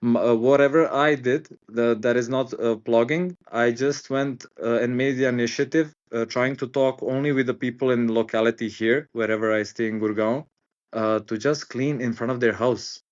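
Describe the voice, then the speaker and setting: A man's voice: medium pitch, steady tone, normal speed, muffled recording. A man, a guest in a casual interview, talking hesitantly with many fillers and restarts. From Serbia.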